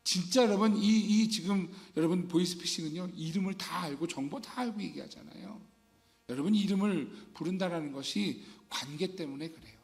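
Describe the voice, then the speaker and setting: A man's voice: high voice, fairly quick. A man preaching a sermon as pastor, fervent and dramatic, acting out scenes for his congregation. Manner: fervent preaching, acts out weeping Mary. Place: church sanctuary. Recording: long church-hall reverb.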